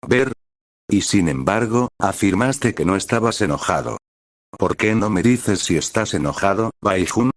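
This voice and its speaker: A man's voice: fairly low pitch, lively intonation, unhurried, no echo, studio quality. A man playing a doting young husband who speaks earnestly and coaxingly, in a storybook reading.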